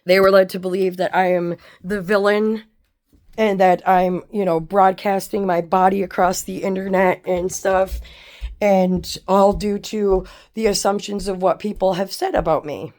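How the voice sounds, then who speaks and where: A woman giving a candid personal monologue in a blunt, sweary way, often halting as she searches for words. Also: mid-range voice, fairly even intonation, a little mellow. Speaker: personal storyteller.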